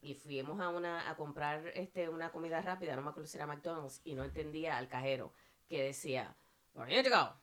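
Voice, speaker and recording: A woman's voice: low voice, fairly quick. A woman co-hosting a casual chat, telling stories playfully and mimicking other people's voices. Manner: animated, playful storyteller who mimics voices. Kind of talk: casual storytelling.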